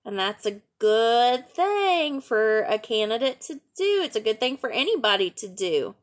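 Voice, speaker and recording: Her voice is fairly high and swings widely in pitch as she reads at a measured pace. She's a storytime reader and teacher sharing a picture book with young children, tossing in chatty asides, simple explanations and questions for them.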